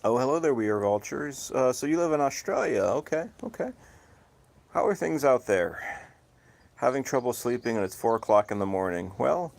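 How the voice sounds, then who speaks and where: A man hosting a casual livestream with his cats, chatting easily and reading out viewers' comments in a self-described monotone voice. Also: medium pitch, normal speed, vocal fry. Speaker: livestream host. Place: home, cats outdoors.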